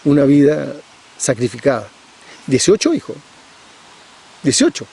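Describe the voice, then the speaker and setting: A man's voice: mid-range voice, very animated, unhurried, gravelly, warm tone, slightly rough. A middle-aged man preaching a sermon, pressing his points with repetition and rhetorical questions.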